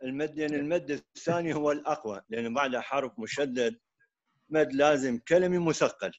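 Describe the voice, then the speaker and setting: A man's voice: on the high side, brisk. A man answering questions as a student in class, hesitating as he searches for answers. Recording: muffled lo-fi recording.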